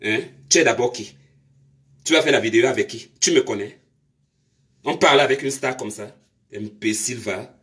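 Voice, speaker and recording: A woman's voice: a bass voice, fairly quick, long pauses, fairly bright tone. A woman, scolding her commenters during a live stream with confrontational rhetorical questions.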